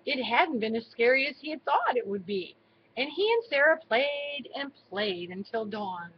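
A woman reading a children's storybook aloud in a slow, expressive way. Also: on the high side, muffled recording, slight background noise. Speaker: storybook reader. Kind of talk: read-aloud narration.

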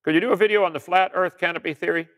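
Racing along in a high-sitting, steady, slightly bright voice, an older man gives a casual teaching sermon. The preacher and creationist lecturer reads articles and viewer questions aloud, with folksy jokes along the way.

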